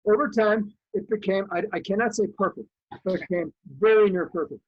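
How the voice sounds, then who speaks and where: A middle-aged Canadian man whose first language is German appears as a guest, sharing memories in a reflective, anecdotal style and frequently restarting sentences. His high, slightly husky voice moves briskly, and the recording is a bit muffled and very dry, with no room sound.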